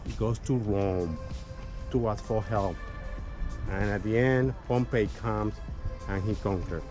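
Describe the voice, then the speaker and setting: A fairly low-pitched man takes his time as he guides a casual history tour through a city street, with music in the background and poor audio from a camera mic. Chatty and informal, he calls listeners "guys," adds "okay" and "right" tags, restarts often and laughs a bit.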